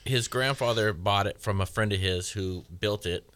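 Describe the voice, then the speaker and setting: A middle-aged man guesting on a radio show, telling a family story in a relaxed way. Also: lowish voice, moderate pace, smooth. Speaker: guest, racer's father. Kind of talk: casual radio interview.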